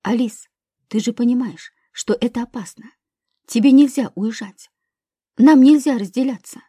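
A woman's voice: a little high, normal speed, warm tone, husky, no echo, studio quality. A woman voicing a stern, commanding, possessive young man in an audiobook. She does not shift far from her own voice for him.

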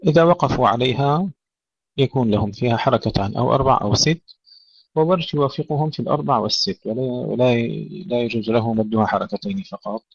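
A man teaching a tajweed lesson, reciting words slowly to demonstrate and correcting common mistakes. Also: medium pitch, gravelly, slightly rough, no echo. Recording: dry, dull lo-fi audio.

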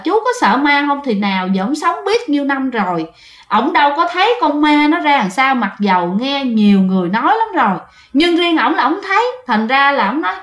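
Woman, high-pitched, chatty ghost-story narration, roomy echo. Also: a bit bright. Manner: chatty, addresses listeners directly.

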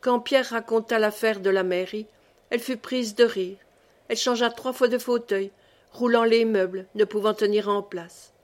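An audiobook reader, a woman with a fairly high voice, narrates a classic novel aloud, keeping her delivery steady and measured.

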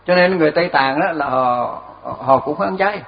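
An older Buddhist monk giving a relaxed dharma talk, telling stories with chuckles and repeating his words as he goes. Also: fairly high pitch, moderate pace, creaky. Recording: dull lo-fi recording.

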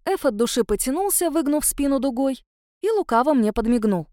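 Expressive woman narrating a fantasy audiobook. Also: high-pitched, a little fast, no echo, clean studio sound. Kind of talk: first-person audiobook narration.

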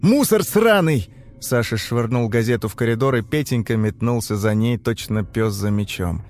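A man giving a scripted, grim, measured narration of a dark story. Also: on the low side, fairly even intonation. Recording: faint music under the voice.

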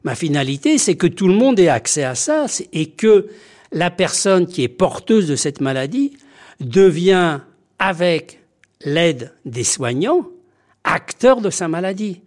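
A man who is a doctor and community health activist, giving documentary interview testimony in an earnest, emphatic way with frequent pauses and hesitations. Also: high voice, sing-song, a little mellow.

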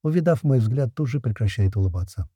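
A man narrating a first-person audiobook in a dark, mellow, husky voice. The sound is close and dry. His telling is gritty and tense. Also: medium pitch, animated, a little fast, no room sound.

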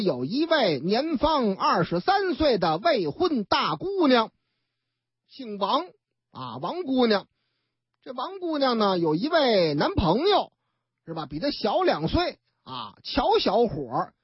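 A radio host tells the news like a storyteller, her voice rising and falling a great deal. She sounds a little husky, and the recording is dry and dull, like a lo-fi radio broadcast. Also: on the high side, no room sound. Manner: chatty, lively storyteller who acts out the people in her stories.

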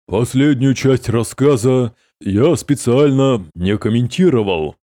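A man voicing a calm, cold male sorcerer who speaks in a cutting, sarcastic way. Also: medium pitch, slow pace, no echo, studio quality, pitched above the performer's own voice, lightly acted.

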